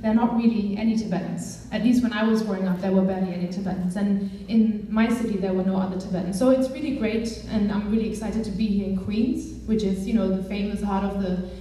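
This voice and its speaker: A young campaigns director from Germany gives an earnest speech with many fillers to a live audience in a large, echoey hall. Her medium-pitched, dark voice is steady and fast with few pauses, heard far from the mic with a little hiss or hum.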